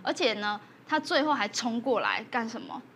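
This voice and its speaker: A woman on a parenting talk show tells a vivid story about her children in a high voice. Clear background noise sits under her speech. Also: wildly swooping pitch, moderate pace, fairly bright tone. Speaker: panel mother. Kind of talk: casual chat.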